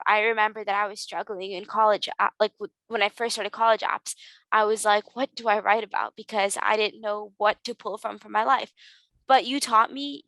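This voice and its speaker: A woman's voice: medium pitch, gravelly, fairly bright tone, no room sound, poor audio. A teenage girl speaking earnestly and reflectively as a podcast guest, with frequent ums. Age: teens. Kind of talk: podcast interview.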